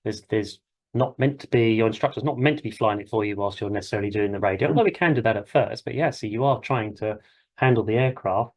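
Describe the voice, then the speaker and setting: A British helicopter flying instructor hosts an informal classroom session, rambling and hesitant but encouraging. He talks fast in a lowish voice with a darkish tone.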